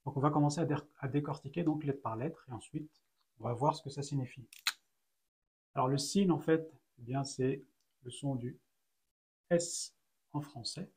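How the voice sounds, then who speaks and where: A man's voice: mid-range voice, normal speed, long pauses, a little mellow, slight background noise. A man teaching an Arabic lesson in French, patiently explaining each letter and sound one at a time with frequent fillers. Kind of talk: slow step-by-step lesson.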